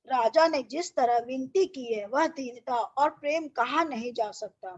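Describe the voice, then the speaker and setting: Woman, scripture class teacher, high voice, patient and questioning, muffled recording. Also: breathy edge. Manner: explains patiently, quizzes the class, recites verses slowly. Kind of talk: scripture study class with recited verses. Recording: dull lo-fi recording.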